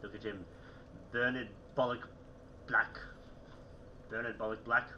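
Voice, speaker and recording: This gaming channel host, a young man who sounds slightly phlegmy and under the weather, chats over gameplay from a small room at home. His delivery is flat and unhurried in a mid-range voice, bright and forceful, on lo-fi sound with a little hiss or hum. He's casual, chatty, self-mocking, and clears his throat frequently.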